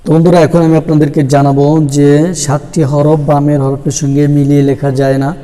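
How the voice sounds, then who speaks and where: A man teaching a Quran reading lesson, slowly naming and chanting Arabic letters one by one for his viewers. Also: on the high side, long reverb tail. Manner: slow, even, drawn-out delivery, letters chanted one by one. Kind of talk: slow step-by-step lesson, reciting Arabic letters.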